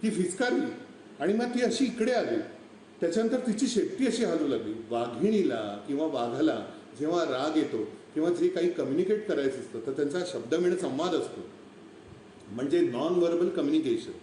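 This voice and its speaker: A man's voice: fairly high pitch, lively intonation, normal speed, warm tone. A man from Maharashtra telling vivid wildlife stories on a live stream, acting out animal calls as he goes. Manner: vivid storyteller who imitates animal calls. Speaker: wildlife speaker. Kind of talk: storytelling talk on a live stream. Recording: echoey room, distant mic, faint noise.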